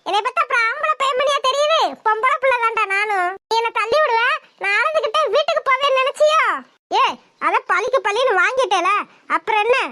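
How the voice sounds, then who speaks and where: A woman's voice: very high voice, lively intonation, fast, pushed and bright, slight background noise, full character voice. A woman voicing a bold, defiant young village woman in a cartoon, talking boastfully. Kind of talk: cartoon voice acting.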